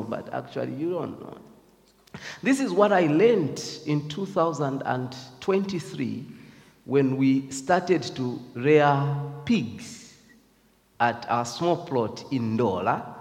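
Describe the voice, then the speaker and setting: A man's voice: mid-range voice, vocal fry, darkish tone, long reverb tail. A man with a Zambian accent giving a reflective devotional talk, hesitant and full of fillers. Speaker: speaker.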